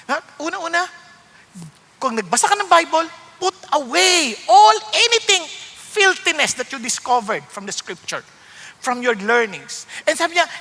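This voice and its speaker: A man preaching a sermon as pastor, mixing Tagalog and English, swinging from loud outbursts to hushed asides. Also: very high-pitched. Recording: long reverb of a large hall.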